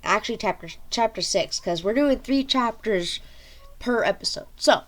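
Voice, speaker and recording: A woman reading her own story aloud in a halting, casual way with frequent restarts. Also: a little high.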